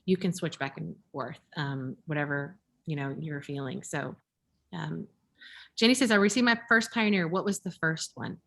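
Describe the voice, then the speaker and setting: A woman with a fairly low voice chatting about books over a video call. She talks in an animated, gossipy way, acting out little quoted asides, and the sound comes through a video-call mic. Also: moderate pace, gravelly. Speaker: bookshop book buyer. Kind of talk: casual book chat over video call.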